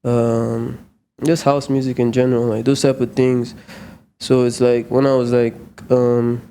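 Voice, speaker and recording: Man in his twenties, rambling podcast guest, relaxed, laid-back delivery, faint hiss behind. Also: medium pitch, unhurried. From Nigeria. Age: 20s. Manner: rambling, lots of fillers, laughs easily. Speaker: guest musician. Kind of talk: casual podcast chat.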